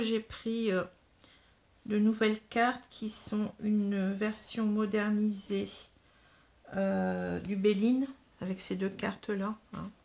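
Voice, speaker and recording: A woman's voice: mid-range voice, gravelly. Hesitant woman guiding a card reading. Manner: hesitant, with frequent fillers and restarts; soft, calm and instructive. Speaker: tarot card reader. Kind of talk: guided card reading to viewers.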